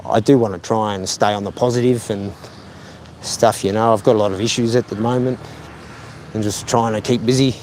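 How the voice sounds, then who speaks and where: A man's voice: on the low side, fairly even intonation, fairly quick, darkish tone, a little hiss or hum. A middle-aged man, live-streaming as he walks outdoors by a lake, chatting in a meandering, self-deprecating way full of fillers. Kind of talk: casual rambling live stream chat.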